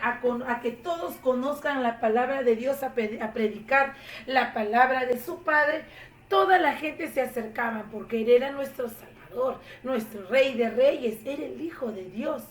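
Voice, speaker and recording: A woman telling a Bible story to children in an expressive, animated way. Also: high-pitched, recorded from a distance. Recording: echoey room, faint noise.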